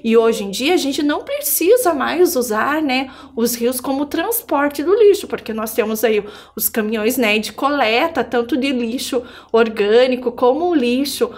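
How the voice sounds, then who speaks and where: High-voiced Brazilian woman teaching children. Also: expressive, a little slow, few pauses. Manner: cheerful kids-show-host address, prompting listeners with questions. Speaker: primary school geography teacher. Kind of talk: remote video lesson for children.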